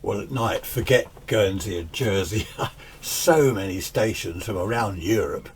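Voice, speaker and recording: An unhurried, fairly low-pitched middle-aged man, an amateur radio hobbyist and host, walks through a casual, chatty, self-deprecating demonstration in his indoor home radio shack. It was captured with a camera's built-in microphone, so there's hiss and background noise, along with faint radio hiss and static.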